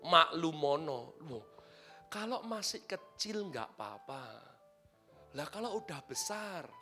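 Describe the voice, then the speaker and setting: A man preaching a sermon, lively and animated, dropping to quiet asides and then rising to loud, emphatic bursts. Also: high-pitched, slow pace, music in the background. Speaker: pastor.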